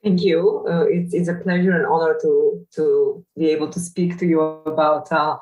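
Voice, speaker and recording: Guest: middle-aged woman, low-ish voice, halting and reflective, distant roomy call audio. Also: steady tone, muffled recording. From Poland. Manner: thoughtful, many fillers and restarts. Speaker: guest, professor. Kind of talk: interview over a video call. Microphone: video call.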